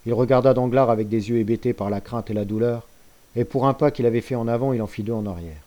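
Mellow-voiced man reading a novel aloud. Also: medium pitch, fast talker. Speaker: audiobook reader. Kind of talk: scripted narration of a classic novel.

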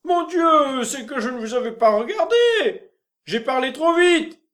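A man doing a loud, greedy innkeeper. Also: very high voice, sing-song, a little slow, full character voice. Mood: fawning. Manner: shouting, fawning then indignant. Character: loud greedy pushy male village innkeeper. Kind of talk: audiobook character reading.

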